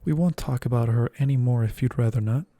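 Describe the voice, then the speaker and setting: Man softly reading as a polite chatty young girl, whispered role-play, earnest, mellow dark tone, gravelly. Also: mid-range voice, fast, dry recording, natural voice. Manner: earnest, eager, soft-spoken.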